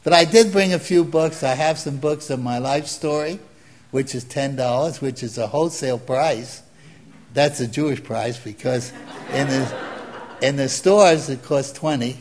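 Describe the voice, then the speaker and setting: Older male preacher, Brooklyn accent, conversational sermon delivery, unhurried phrasing with pauses, medium pitch. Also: a little mellow. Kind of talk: informal sermon to a congregation.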